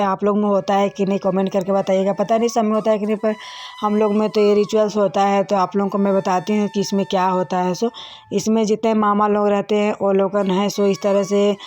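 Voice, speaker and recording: A woman's voice: mid-range voice, darkish tone. A young woman, narrating her own wedding video in a casual, chatty voice-over and talking straight to her viewers as friends. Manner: chatty, addresses viewers as friends, many fillers.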